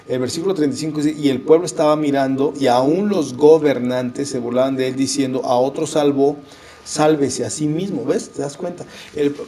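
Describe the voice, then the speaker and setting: A man leads a Bible conversation in an earnest, direct manner. His voice sits a little high yet sounds dark and mellow. He keeps checking in with his listener and calls him brother. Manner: earnest, repeats questions like "¿sí?" and addresses "hermano". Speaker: preacher leading a Bible conversation.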